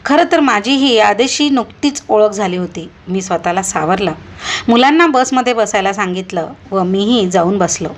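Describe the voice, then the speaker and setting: Husky-voiced woman storyteller. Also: medium pitch, normal speed. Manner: steady first-person narration. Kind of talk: story reading.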